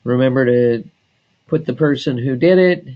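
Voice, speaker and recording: A man training staff on database software, talking slowly and deliberately with frequent filler pauses. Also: mid-range voice, muffled recording. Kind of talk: screen-share software tutorial.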